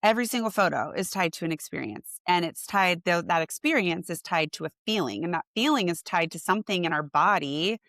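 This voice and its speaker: A woman in her forties with a fairly low speaking voice tells stories about her photography work in a relaxed interview. She is animated and acts out other people's delighted reactions. The sound is close and dry, with no room echo. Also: fairly quick, hardly any pauses. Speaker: guest, portrait photographer. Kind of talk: casual interview chat.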